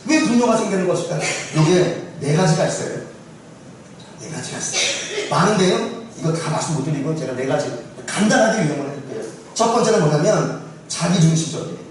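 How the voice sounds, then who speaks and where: A man preaches a sermon in a very echoey hall, caught from some distance by the mic, with faint ambient noise behind him. His voice sits high for a man and swings widely as he keeps asking the congregation questions. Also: expressive, brisk. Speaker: pastor.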